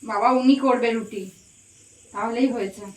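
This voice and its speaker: A woman's voice: a little high, steady tone, normal speed, very noisy. A woman vlogging at home, talking to her baby in a playful, coaxing way full of questions. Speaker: vlogger and mother.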